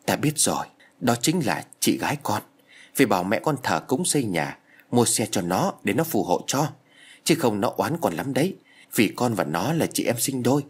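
A man's voice: lowish voice, big pitch swings, normal speed, breathy edge. A man doing a stern old exorcist master. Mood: grave. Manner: commanding, scolding.

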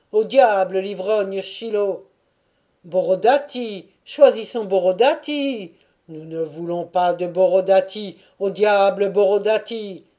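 A woman reading an audiobook and voicing a crowd of rowdy, drunken male Cossacks with shouted, high-pitched cries. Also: natural voice. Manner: shouting, rough, cries of names.

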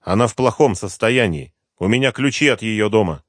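A man's voice: fairly low pitch, lively intonation, normal speed, no echo, studio quality, voice pushed up. A man voicing a desperate dying ex-agent. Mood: weary. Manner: pleading, strained, breaking into coughs. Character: dying desperate middle-aged ex-KGB man.

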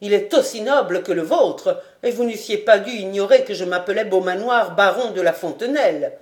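A woman's voice: mid-range voice, lively intonation, normal speed, darkish tone, roomy sound, natural voice. A woman reading an audiobook voices a proud, hot-tempered young baron turned brigand, speaking with indignation. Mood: proud indignant.

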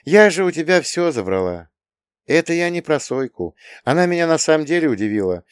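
A man's voice: a little high, very animated, a little fast, smooth, no room sound, clean studio sound, pitched above the performer's own voice. A male audiobook reader voicing a tearful, guilty young woman lieutenant in a raised, pleading voice. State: crying. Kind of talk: audiobook character voice.

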